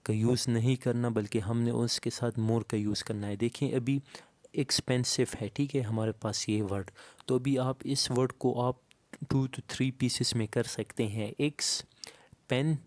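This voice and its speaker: A man teaching English grammar, explaining slowly and reading each example sentence aloud word by word. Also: medium pitch, a little mellow, no echo. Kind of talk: explaining a lesson to students.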